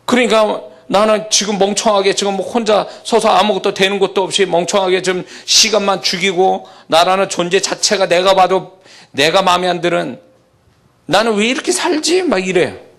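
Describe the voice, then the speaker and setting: A male pastor delivering an emphatic sermon that builds from quiet reflection to loud preaching. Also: high-pitched, steady tone, moderate pace, gravelly.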